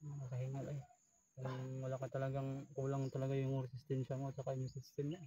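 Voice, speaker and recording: Flat, dark-voiced man heard from afar. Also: medium pitch, fast talker, slight background noise. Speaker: vlogger on a jungle outing. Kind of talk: casual chat among friends. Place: outdoors on a mountain. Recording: distant, dull lo-fi outdoor mic.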